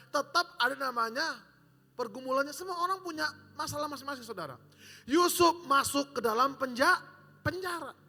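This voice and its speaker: High, bright-voiced joking preacher. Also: male voice, creaky. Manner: animated, joking storyteller, shouting at times. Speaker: pastor. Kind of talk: sermon. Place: hotel auditorium. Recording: long hall reverb in auditorium.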